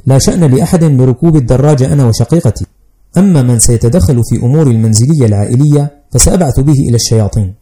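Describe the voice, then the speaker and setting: A man's voice: medium pitch, rapid-fire, mellow, natural voice. A man voicing a blunt, hot-tempered young male teacher who speaks curtly and with scorn, in an audiobook reading. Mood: scornful. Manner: curt, scornful.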